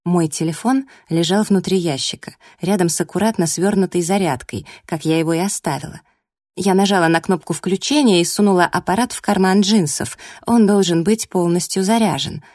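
A woman reading a first-person audiobook in a lively, expressive storytelling manner, close to the mic. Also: fairly low pitch, brisk, dry recording. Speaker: audiobook narrator.

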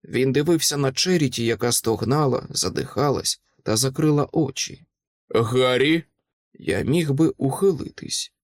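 A man's voice: mid-range voice, no room sound, clean studio sound. A man reading a dramatic first-person audiobook narration with vivid delivery.

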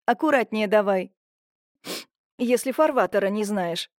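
A woman voicing a bustling, scheming middle-aged village woman who talks in quick, exclamatory bursts. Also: mid-range voice, expressive, a little mellow, no room sound, clean studio sound, natural voice. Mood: fussy. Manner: fast, fussy, exclamatory.

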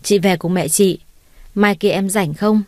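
A woman voicing a scheming young woman who turns cold and sharp, in an audio story with a dry, close sound. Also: medium pitch, fairly even intonation, a little slow, no room sound, lightly acted. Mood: coaxing. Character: scheming proud young woman, quick to anger.

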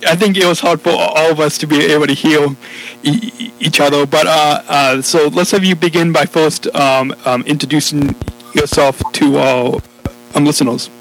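A man's voice: fairly high pitch, fairly even intonation, moderate pace, a bit bright, faint music behind, low-quality recording. A man hosting a podcast interview, speaking hesitantly with many fillers and restarts. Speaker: podcast host.

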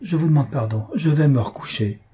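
A man's voice: fairly high pitch, fairly quick, darkish tone, husky, pitched above the performer's own voice. A man reading aloud and voicing a lazy, gluttonous young man who speaks in a languid, feeble voice. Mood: evasive.

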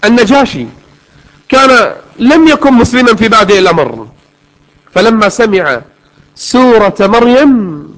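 A man preaching a sermon in an earnest tone, stretching recited verses out slowly. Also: high voice, a bit bright, poor audio.

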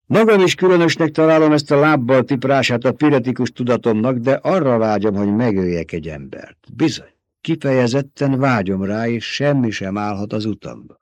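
A man's voice: medium pitch, no room sound, pitched above the performer's own voice, close to an everyday voice. A man reading an audiobook, voicing an old male doctor turned traitor, feverishly obsessed with revenge, who speaks in an intimate, coaxing way.

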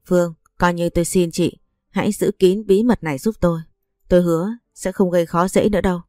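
A woman's voice: fairly low pitch, fairly even intonation, brisk, warm tone, no room sound, clean studio sound, close to an everyday voice. Woman reading as a cold scheming mother-in-law. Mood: pleading. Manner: curt, dismissive.

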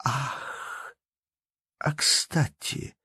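A man voicing a playful, elegant young baroness who chatters briskly, in a read-aloud story. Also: bright, forceful tone, no echo, clean studio sound, heavily acted.

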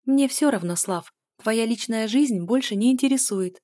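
A woman voicing a sharp-tongued young mother who speaks in a raised, cutting, indignant tone in an audiobook. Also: on the high side, normal speed, no room sound, clean studio sound, pitched above the performer's own voice, lightly acted. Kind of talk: audiobook dialogue reading.

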